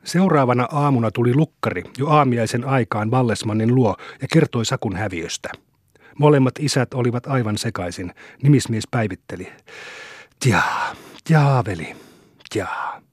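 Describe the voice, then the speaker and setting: A man narrates a novel in a measured storytelling voice. His tone is husky, mid-pitched and recorded dry and close. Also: no room sound. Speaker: audiobook reader. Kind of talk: scripted narration.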